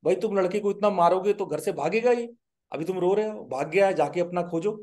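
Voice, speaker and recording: Man telling of a village mystic, mellow and stern. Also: on the high side, fairly quick, natural voice. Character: grieving, commanding male village mystic.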